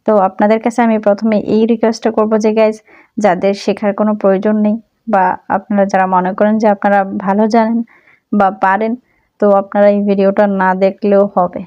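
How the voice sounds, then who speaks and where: A young woman teaching phrases in a spoken lesson, repeating each line slowly and carefully in a chatty, humble way. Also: medium pitch, flat delivery, dark tone, muffled recording. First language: Bengali. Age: young adult. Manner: slow, careful repetition of phrases. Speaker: language teacher.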